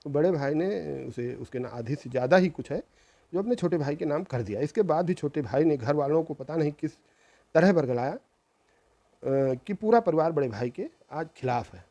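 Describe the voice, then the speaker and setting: A man's voice: on the high side, lively intonation, normal speed, dark tone. A middle-aged man, host of his channel, earnestly telling a true family story in a reproachful, moralizing way, repeating phrases for emphasis.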